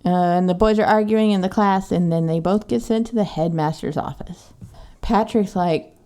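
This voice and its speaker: A podcast co-host from Texas recaps a book in a casual, sarcastic, profane way. Her voice is fairly low and warm, and she speaks at a normal speed.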